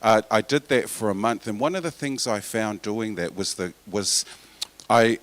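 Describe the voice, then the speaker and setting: A man's voice: lowish voice, moderate pace. A man with a New Zealand accent, a councillor speaking at a public forum in a loose, informal way full of fillers and restarts. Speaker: councillor and mayoral candidate.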